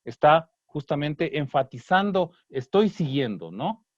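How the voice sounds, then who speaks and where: A man teaching an online Kichwa language class, patiently breaking down song lyrics and slowly repeating words. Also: fairly high pitch, big pitch swings, no room sound. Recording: dry, slightly dull online class audio.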